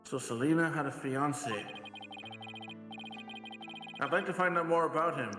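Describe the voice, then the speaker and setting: A man's voice: on the high side, normal speed, music in the background, natural voice. A man voicing an earnest young lawyer in a video game, reading scripted questions and musings. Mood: puzzled. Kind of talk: game script read aloud.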